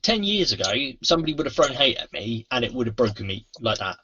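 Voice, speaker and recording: A man's voice: medium pitch, sing-song, fast talker, sharp tone, slightly rough. A man talking earnestly about resilience training, acting out quoted lines in a casual interview. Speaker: anti-bullying trainer, podcast host. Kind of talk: casual convention interview chat. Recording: muffled lo-fi convention recording.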